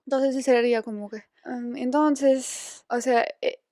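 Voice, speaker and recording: A woman with a French accent gives a patient language lesson, going over phrases slowly. Her voice sits high and light. The sound is dry and close, with no room echo. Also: fairly even intonation, mellow. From France. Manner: slow, patient, repeats phrases. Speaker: French teacher.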